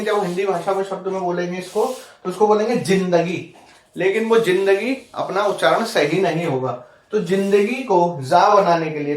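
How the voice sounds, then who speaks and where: Teaching Hindi grammar to students preparing for exams, a high-pitched man breaks things down step by step and repeats example words. He asks the class questions and drops "okay" between each point, heard from a distance in an echoey room.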